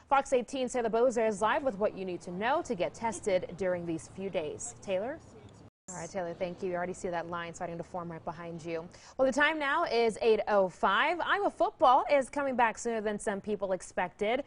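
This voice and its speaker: A woman in her twenties anchoring and reporting TV news, reading stories crisply and bantering upbeat with co-hosts. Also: mid-range voice, lively intonation, brisk.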